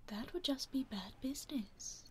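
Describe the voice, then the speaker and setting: In an ASMR roleplay, a British-accented woman voices a teasing aristocratic female vampire, whispering softly and slyly into a binaural mic. Her voice is high-pitched and husky, at a moderate pace, and the soft whisper carries a sly, mocking quality.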